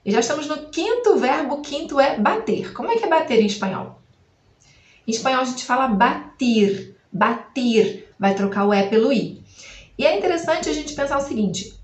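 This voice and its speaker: A woman teaching a language lesson, asking the viewer questions and then repeating each word slowly and clearly. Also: on the high side, echoey room. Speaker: Spanish teacher.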